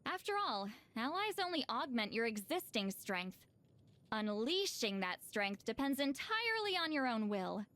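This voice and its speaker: This video game shaman is a young woman with a high voice, delivering animated voice lines that swing up and down in pitch at a moderate pace. Proud but socially awkward, she explains herself hesitantly and a little huffily, in a musing mood.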